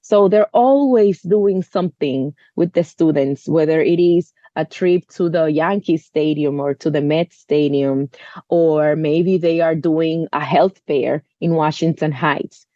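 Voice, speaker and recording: A woman's voice: deep voice, measured pace, warm tone, dry recording, muffled recording. A woman in her thirties from the Dominican Republic, speaking earnestly as an interview guest, often saying "you know.". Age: 30s. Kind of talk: conversational interview.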